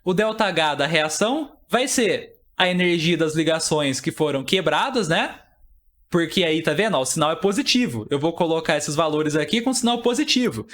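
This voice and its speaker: A man's voice: a little high, expressive, normal speed, fairly bright tone. A young man teaching an exam-prep chemistry lesson, explaining step by step and asking and answering his own questions.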